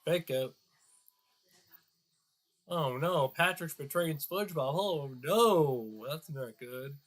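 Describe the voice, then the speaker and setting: A man's voice: a little high, expressive, slow, a bit bright. Congested, crude-talking man. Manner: crude, sarcastic, swears often, muttering asides. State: congested, nasal from a cold. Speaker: commentator reacting to a video. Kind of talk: casual reaction commentary.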